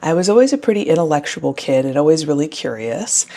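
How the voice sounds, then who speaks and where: A woman in her forties from New Hampshire, giving an earnest, measured campaign address as a town council candidate. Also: low voice, big pitch swings, warm tone. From New Hampshire, USA.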